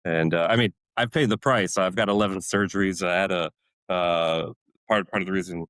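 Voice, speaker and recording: In a clean, echo-free studio recording, a man with a low, fairly bright voice speaks fairly quickly and in a steady tone. He is a retired Army warrant officer in his forties, a native Polish speaker, guesting on a podcast and casually, animatedly telling army stories while laughing often and acting out others.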